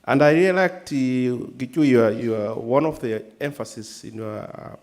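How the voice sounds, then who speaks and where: A man's voice: mid-range voice, a little slow, a little mellow. A middle-aged man from Malawi moderating a conference panel in a hall, speaking earnestly and emphatically with many fillers.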